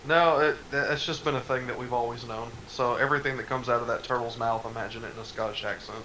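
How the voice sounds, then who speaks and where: A man's voice: medium pitch, fairly even intonation, fast, background noise. A man running a tabletop game as game master, talking loosely and casually and swearing freely. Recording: roomy echo.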